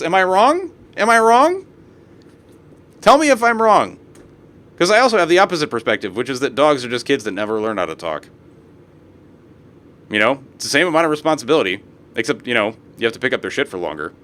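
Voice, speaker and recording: Here a young man on a live stream reads posts aloud, breaking off for profane rants and asides. His voice sits at a medium pitch with a fairly bright tone.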